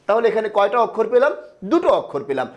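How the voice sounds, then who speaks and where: A man with a high voice teaches a grammar lesson to camera. He moves step by step, asking his viewers questions and then answering them himself. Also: wildly swooping pitch, rapid-fire, dull audio.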